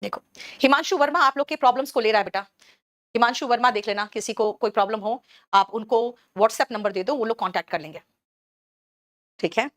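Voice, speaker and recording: A woman as a brisk, motherly teacher, fairly high voice, dry close sound, live online class. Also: fairly bright tone, no room sound. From Bihar, India. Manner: brisk and motherly, calls students 'beta' and answers chat questions; explains English words in Hindi, switching between the two. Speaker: English teacher.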